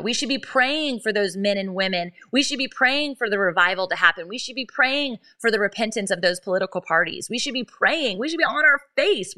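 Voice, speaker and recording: A faith podcast host in her thirties, live streaming through a podcast microphone, recounts a story with earnest, lively energy and frequent sentence restarts. Her voice is a little high with a sharp tone.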